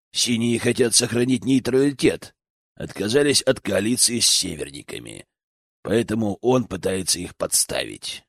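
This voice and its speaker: A man voicing a steady, frank grown male ally in an audiobook, speaking in a low, calm tone. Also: no room sound, studio quality.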